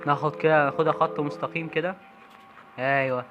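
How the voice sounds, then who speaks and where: A man's voice: fairly high pitch, fairly even intonation, quick pace, lo-fi sound, over music. A young Egyptian man commenting on a horror game as he plays, jumpy and talking to himself, cursing when startled. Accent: Egyptian Arabic. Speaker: gamer streamer.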